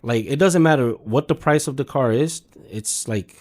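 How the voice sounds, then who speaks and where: As a guest on a podcast, a car sales manager with a mid-range, darkish voice tells casual stories at a normal speed. His style is emphatic and slangy, he swears freely, and he peppers everything with "man" and "you know".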